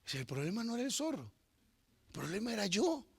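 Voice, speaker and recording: A man pastor preaching a sermon, telling a story with humor and swinging between loud and hushed delivery. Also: high-pitched, sing-song, fast, gravelly, slightly rough.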